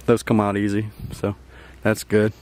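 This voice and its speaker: This young man, a camping vlogger, chuckles often as he wanders through a casual, easygoing tour of his riverside campsite, filmed outdoors on a handheld camera mic. He speaks on the low side at normal speed, a little mellow, with a completely flat delivery. Faint outdoor noise sits in the background.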